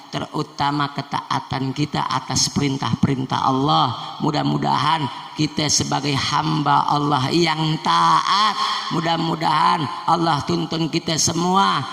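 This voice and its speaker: A man preaches in a high, gravelly voice that turns bright and forceful. He moves between slangy, coaxing talk and shouted prayer. Long hall reverb rings around every word. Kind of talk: mosque sermon with prayer. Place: mosque gathering.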